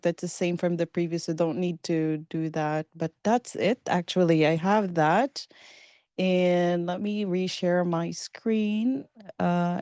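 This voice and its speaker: A woman's voice: lowish voice, warm tone, no echo, lo-fi sound. A woman from the Philippines, hosting a casual live webinar over a video call in an upbeat, chatty way with many fillers. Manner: upbeat, chatty, with frequent fillers and small laughs. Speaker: webinar presenter.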